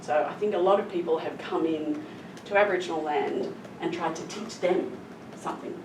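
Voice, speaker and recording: A woman's voice: low voice, brisk. A middle-aged woman giving an explanatory public presentation as a conservation scientist, telling the story in an earnest, emphatic way. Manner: earnest, emphatic with stressed adverbs. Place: echoey room, recorded from a distance. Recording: roomy echo, distant mic, clear background noise.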